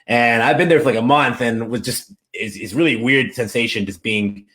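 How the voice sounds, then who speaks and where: An American man with a mid-range voice talks at a moderate pace as an interview guest. A language coach, he tells stories in a casual, enthusiastic, animated way.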